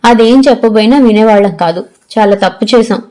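A woman's voice: fairly high pitch, fairly quick, darkish tone, natural voice. Guilt-ridden, tearful college girl, read by a woman in an audio novel. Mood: remorseful. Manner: distressed and remorseful.

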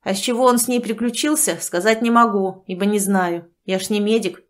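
A woman voicing a grumpy adult brother who talks to his sister in a gruff, accusing, blunt way. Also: mid-range voice, a little fast, natural voice. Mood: reproachful.

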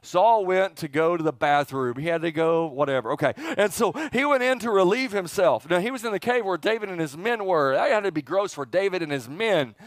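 With a high, expressive voice and a fairly quick delivery that leaves few pauses, a middle-aged pastor preaches a folksy, humorous sermon indoors on a church stage. He keeps the congregation involved with rhetorical questions and repeated phrases. His headset picks up no echo.

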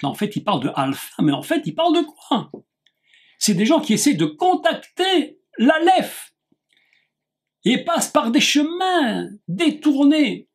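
A male preacher with a high voice that swings widely in pitch. He preaches emphatically, repeating his phrases, slowing down to stress key words and climbing to shouts at the peaks. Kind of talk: sermon.

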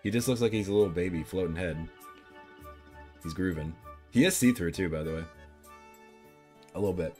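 A man's voice: low-pitched, fairly quick, pauses often, a little mellow, faint music behind. A man streaming live as a VTuber, chatting casually in a playful, rambling way and swearing freely.

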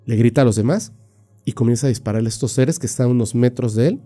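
Very dark-voiced man telling a story. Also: medium pitch, fast. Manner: animated retelling with many fillers and mouth sound effects. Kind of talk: casual podcast storytelling.

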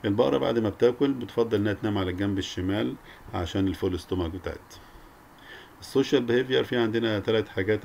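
A man's voice: low voice, gravelly, darkish tone, slight background noise. A man with an Egyptian Arabic accent giving a recorded academic lecture, peppering his speech with English technical terms. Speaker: veterinary lecture presenter.

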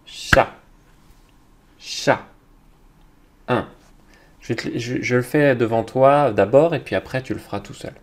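A man teaching young children, talking slowly and patiently, with hesitant fillers. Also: medium pitch. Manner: speaks slowly to a child, hesitant fillers, loudly claps out each word. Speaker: kindergarten teacher.

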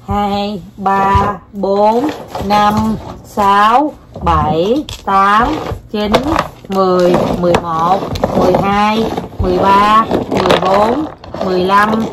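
A woman's voice: medium pitch, slow. A mother with a Quảng Nam Vietnamese accent, playfully coaxing and teasing her child at home. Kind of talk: casual family chat. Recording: noisy home recording with clicks.

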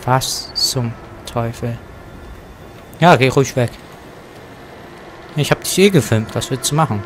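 A man commenting casually on a horror game as he plays it, joking to himself, dropping to whispers at tense moments and breaking into loud outbursts. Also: mid-range voice, lively intonation, moderate pace, background noise. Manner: joking running self-talk, sudden loud outbursts. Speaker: let's play gamer. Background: faint game music.

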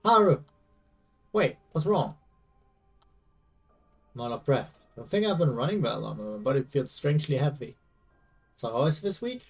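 A man's voice: mid-range voice, big pitch swings, normal speed, vocal fry, pauses often, darkish tone, husky, distant mic, exaggerated voice. A man reading aloud as a young male game protagonist, confused and anxious, over faint game music. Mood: uneasy.

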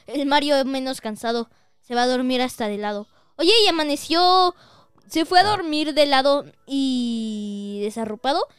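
A woman hosting a gaming video, giving excitable, chatty, jokey let's-play commentary into a close microphone. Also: high voice, measured pace, smooth, no room sound.

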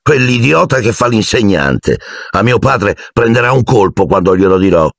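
A man's voice: fairly low pitch, expressive, moderate pace, gravelly, no echo, studio quality, voice pushed up. A man voicing a snobbish, spiteful teenage boy wizard who mocks and taunts in a haughty tone. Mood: sneering.

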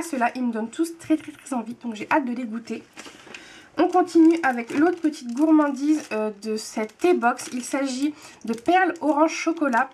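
A woman's voice: a little high, darkish tone, slight background noise. A young woman in her twenties chatting to camera as she unboxes a monthly tea box, gushing and repeating words for emphasis. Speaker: book and tea vlogger. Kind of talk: casual unboxing chat to camera.

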